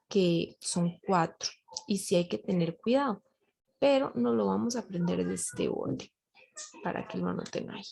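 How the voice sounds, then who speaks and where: A woman's voice: medium pitch, gravelly, darkish tone, slight background noise, low-quality recording. A woman teacher giving a grammar lesson, patient and explanatory, often checking her students follow along.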